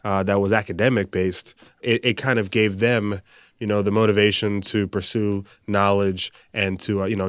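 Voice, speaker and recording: A man's voice: on the low side, no echo, studio quality. A young man from the Bahamas, a new doctor, giving earnest, articulate interview answers. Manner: earnest and articulate, some restarts. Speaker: guest, new medical doctor.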